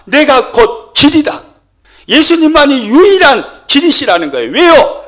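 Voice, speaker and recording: A man's voice: very high-pitched, fairly bright tone. A middle-aged male pastor preaching a sermon with emphatic, sharply rising and falling delivery.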